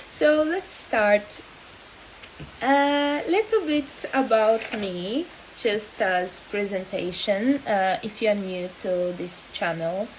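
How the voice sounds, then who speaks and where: Woman in her 30s, talks real slow and halting on a live stream, faint hiss behind. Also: medium pitch, poor audio. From Angola. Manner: halting and hesitant, with many pauses. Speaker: health coach.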